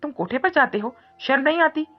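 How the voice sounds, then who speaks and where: A woman voicing a feisty, defiant young heroine who snaps back with quick scolding retorts in an audiobook reading. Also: mid-range voice, natural voice. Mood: indignant. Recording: muffled recording with soft music.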